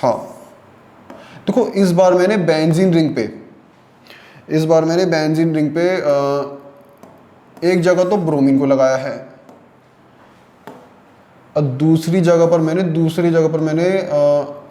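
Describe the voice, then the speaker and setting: A man's voice: on the high side, slow pace, long pauses, dark tone, reverberant. A man teaching a chemistry lesson in Hindi, explaining step by step and often checking whether students follow. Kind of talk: online lecture.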